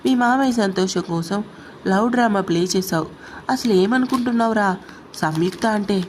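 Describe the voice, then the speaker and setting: A woman's voice: mid-range voice, normal speed, darkish tone, a little hiss or hum, natural voice. A woman voicing a heartbroken young woman who is drunk and crying, her speech slurred and angry. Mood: tearful.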